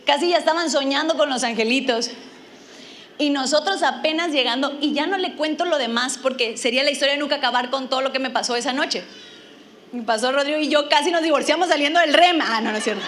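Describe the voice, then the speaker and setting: A woman's voice: sits high, a bit bright, slight background noise. A middle-aged woman telling a funny story in a sermon, self-mocking and acting out her own lines. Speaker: preacher.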